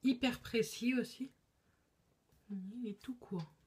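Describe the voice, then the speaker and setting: Young woman vlogger, casual chat, halting and filler-heavy, somewhat high pitch. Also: darkish tone, slightly rough. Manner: chatty, hesitant, many fillers and restarts. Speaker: beauty vlogger.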